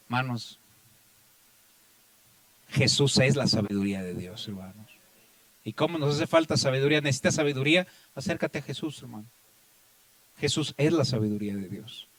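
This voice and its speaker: Mexican pastor, loud and hushed by turns. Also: male voice, on the high side, no echo. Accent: Mexican Spanish. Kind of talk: Bible study sermon.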